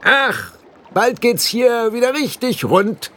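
A man's voice: extremely high pitch, sing-song, slow, pushed and bright, voice pushed up, heavily acted. Man doing a cheeky little blue fairy ringleader. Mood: cheeky boisterous. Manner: brash, boisterous and jolly. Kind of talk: audiobook character voice.

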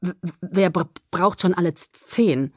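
A woman's voice: lowish voice, normal speed, dry recording, studio quality, natural voice. Woman playing a freezing girl stuttering through chattering teeth. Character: freezing teenage girl, shivering. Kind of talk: audiobook character voice.

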